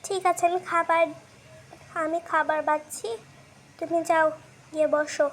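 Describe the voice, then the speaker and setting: A girl voicing a strict mother in a doll-play skit who scolds in a shrill, high voice. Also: little pitch movement, unhurried, fairly bright tone, a little hiss or hum. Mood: nagging. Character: strict scolding mother, protective of her flower garden.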